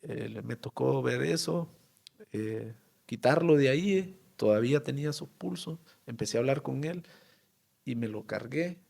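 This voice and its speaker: A Honduran man speaks as an interview guest with a gravelly edge at a middle pitch. He tells his story haltingly, pausing often and tagging on questions, his voice heavy with emotion. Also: lively intonation, darkish tone. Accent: Honduran Spanish. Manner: halting and emotional, many pauses, fillers and tag questions. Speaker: town mayor, interview guest.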